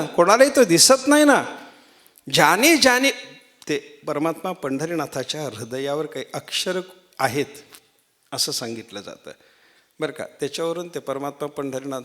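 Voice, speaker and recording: A male preacher giving a devotional sermon, weaving stories and repeating key phrases. His voice sits slightly high for a man, and he often turns to the listeners with rhetorical questions. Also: fairly bright tone. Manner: repeats phrases, acts out quotes, asks the audience rhetorical questions. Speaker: religious preacher.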